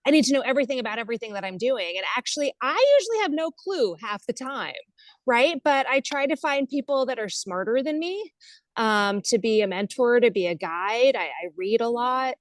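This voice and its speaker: Speaking a little fast in a slightly high, expressive voice, a nonprofit leader from the United States chats casually as a webinar guest over a video call. Her reflections come across thoughtful, hesitant and modest. The recording is dry.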